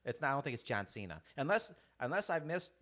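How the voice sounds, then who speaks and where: A young man chats loosely on a podcast, his pitch jumping around as he rambles and laughs. Casual, unscripted banter. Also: fast talker. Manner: animated, laughs often, rambling asides. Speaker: podcast co-host. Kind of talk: casual chat.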